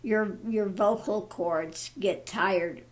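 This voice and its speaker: In a low-quality recording, a woman in her early seventies who works as an online vlogger and tarot reader chats casually about herself. Her voice is lower and easily tired after thyroid surgery, making her speech halting, but she jokes about her own troubles.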